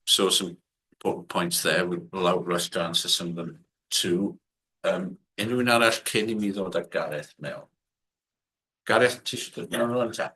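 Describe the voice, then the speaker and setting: A man chairing a board meeting over a video call, measured and often repeating words as he thinks aloud. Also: low voice, fairly even intonation, bright, forceful tone, slight background noise, rough recording.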